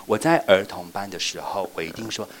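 A man training children's church teachers in a workshop, playful and lively, acting out examples as he goes. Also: fairly low pitch, a little fast, a little hiss or hum.

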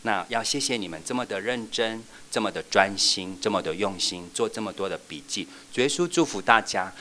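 A man training children's church teachers in a workshop, playful and lively, acting out examples as he goes. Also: lowish voice, fairly quick, a little hiss or hum.

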